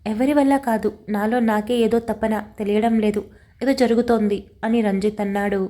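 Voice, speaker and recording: A woman voicing a confused young man who speaks hesitantly and gently in a storybook reading. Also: mid-range voice, steady tone, normal speed, close to an everyday voice. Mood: troubled.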